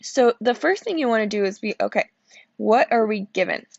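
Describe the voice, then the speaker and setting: Tired lady teacher explaining math step by step, slightly gravelly, flat dull sound. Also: on the high side, a little fast, no room sound. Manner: explains step by step, checking in with "okay?". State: sleepy, yawning. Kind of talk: recorded classroom lesson walkthrough.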